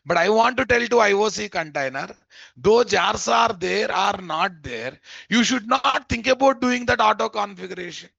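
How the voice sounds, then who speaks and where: Sitting high with lively intonation and some vocal fry, a man's sharp-toned voice moves at a moderate pace as he teaches a live coding lesson with a Telugu Indian accent. He's informal, addresses learners familiarly, repeats phrases and checks understanding with questions. The recording is dry and dull.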